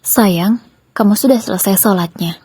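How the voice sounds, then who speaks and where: Story read-aloud: woman doing remorseful young husband, soft and pleading, mellow breathy tone. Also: medium pitch, moderate pace. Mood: gentle. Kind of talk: storytelling with voiced dialogue.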